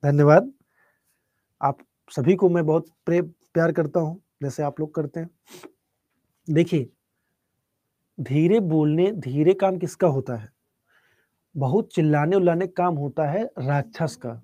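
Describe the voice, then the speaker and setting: A man teaching a live online exam-prep class, speaking softly and unhurriedly while answering students' chat questions. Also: on the high side, no echo. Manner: soft-spoken, calm and unhurried.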